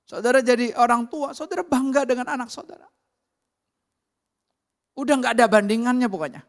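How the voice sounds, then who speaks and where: A man's voice: extremely high pitch, brisk. A man with an Indonesian accent preaching a conversational sermon to his congregation. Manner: animated storytelling with acted quotes. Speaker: pastor.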